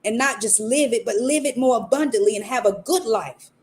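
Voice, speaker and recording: A woman's voice: a little high, brisk, a little mellow. Earnest woman giving faith-based pep talk. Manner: earnest, preachy, repeats phrases for emphasis. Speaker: podcast host.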